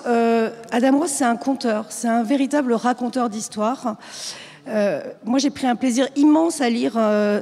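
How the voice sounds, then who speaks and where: A woman's voice: on the high side, a little mellow. A woman bookseller presenting a book at a panel, fluent and enthusiastic. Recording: long hall reverb.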